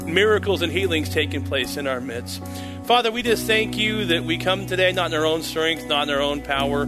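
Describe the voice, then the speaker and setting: A pastor with a fairly high-pitched voice leads a church service from a pulpit microphone. He prays fervently and preaches, often repeating words and hesitating with ums.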